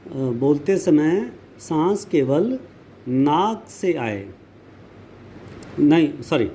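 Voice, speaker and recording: A man's voice: a little high, very animated, extremely slow, warm tone, slight background noise. A man teaching a grammar lesson, explaining patiently and repeating words and examples for his students. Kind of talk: classroom lesson.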